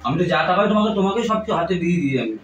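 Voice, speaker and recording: A man's voice: sits high, expressive, rapid-fire. A middle-aged man playing a sad, weak-willed father who speaks meekly and tearfully. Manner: tearful, meek. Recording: roomy room, mic far off, faint noise.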